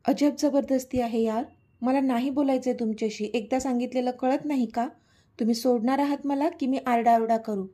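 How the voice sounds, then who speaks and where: An irritated young heroine from a storybook tale talks back defiantly, as a woman reads her part. Her voice is a little high, warm and breathy. She is proud and quick to take offence. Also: steady tone.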